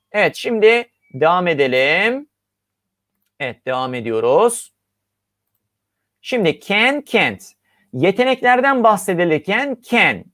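A teacher from Turkey gives a recorded English lesson, with a pitch that leaps up and down a lot. Each example phrase is read out, drawn out slowly, then translated. The sound is close and dry, with no room echo. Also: fairly bright tone.

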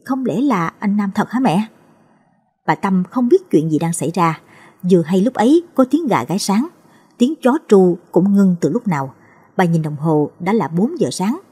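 In a low, slightly husky voice, a woman tells a ghost story with a warm tone, a sing-song lilt and a moderate pace. Her pitch rises and falls a great deal, and she changes it to give each character their own voice.

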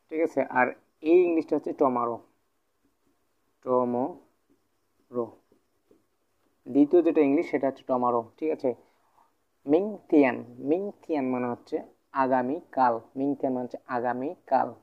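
A man teaching Mandarin words, drilling the same words over and over in a repetitive classroom manner. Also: vocal fry. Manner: repetitive drilling of words, frequent filler 'thik ache'. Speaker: language teacher. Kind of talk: explaining Mandarin words in Bengali. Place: at a whiteboard, indoors. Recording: phone-like low-quality audio.

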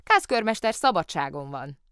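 Woman doing a cheeky storybook bear, easygoing excuses, bouncy lively voice, dry studio sound. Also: on the low side, smooth, no echo. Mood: cheerfully innocent. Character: cheeky good-natured male bear posing as policeman. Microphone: studio microphone.

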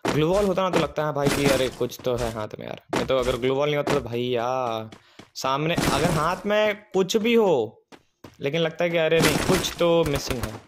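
Excitable male streamer, fairly high voice, gunfire audible behind. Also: normal speed, heavy background noise. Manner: excitable, teasing enemies, rambling chatter. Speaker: gaming streamer. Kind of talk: live gameplay commentary. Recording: game gunfire sounds behind voice.

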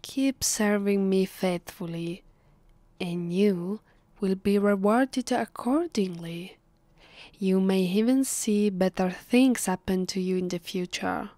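A woman from Italy, an ASMR voice actress, speaks in a hushed, slow, close roleplay as a haughty, possessive vampire mistress, condescending and commanding as she addresses her captive, with an Italian accent. Her medium-pitched voice stays close to an everyday one and carries a haughty, promising mood. The close mic yields a dry, echo-free sound.

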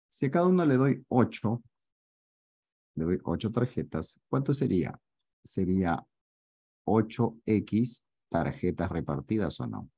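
A man teaching math in an online class, joking with his students and asking often whether it is clear. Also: low voice, mellow, dry recording. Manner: joking, teasing, asks students to confirm often.

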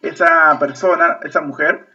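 A Peruvian English teacher with a high, bright voice and a Peruvian Spanish accent runs an online class at an unhurried pace and steady tone. He repeats himself and checks understanding after nearly every phrase with a constant "ok?". His voice sounds far from the mic through thin, lo-fi video-call audio.

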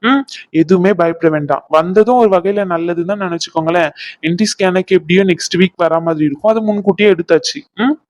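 A performer voicing a young male doctor in a cartoon who reassures his worried family in a calm way. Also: mid-range voice, fast talker, no echo, natural voice. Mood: reassuring. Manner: reassuring, bossy at times. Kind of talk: cartoon voice acting.

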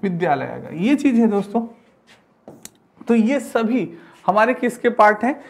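In a studio fitted with a digital teaching board, an exam-prep teacher in his thirties gives an explanatory lecture, repeating phrases and asking rhetorical questions. His voice is high, gravelly and a touch mellow, with big pitch swings and a moderate pace.

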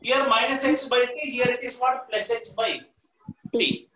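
Standing at a classroom blackboard, an Indian-accented chemistry teacher runs a live online class in an extremely high, bright, forceful voice with a level tone and slightly slow pace. He repeats himself and has listeners complete his sentences, recorded through a distant camera microphone that sounds echoey.

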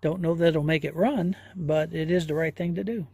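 A man doing a hands-on repair walkthrough outdoors, talking slowly and folksily with many fillers as he thinks aloud. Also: fairly high pitch, fairly even intonation, gravelly, mellow, breathy edge. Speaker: homesteader vlogger. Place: outdoors in a yard.

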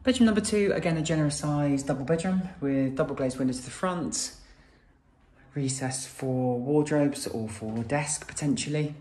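Gushing British estate agent, echoey rooms. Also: male voice, a little high, moderate pace, dark tone. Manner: gushing sales patter in estate-agent phrasing. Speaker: estate agent presenting a house tour. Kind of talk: property tour narration. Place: inside and outside an empty new-build house.

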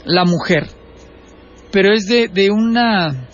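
A man's voice: high voice, expressive, slow. A man hosting a late-night horror radio show, recounting stories in a conversational, hesitant way. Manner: conversational, hesitant, with many fillers. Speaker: radio host. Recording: lo-fi radio broadcast with faint noise.

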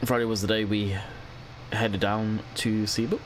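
A congested young gaming host, sick with a cold, rambles chattily over gameplay, thinking aloud as he plays. His fairly low voice stays flat at normal speed, on a low-quality recording with a little hiss or hum.

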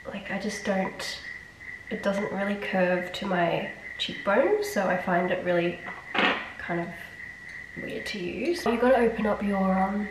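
A woman's voice: mid-range voice, unhurried, noisy background. A young woman with a nasal, congested voice from blocked sinuses, chatting casually through her skincare routine in a rambling, self-deprecating way. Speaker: beauty vlogger. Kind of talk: casual skincare vlog chat. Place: echoey bathroom. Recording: echoey room, mic at a distance.

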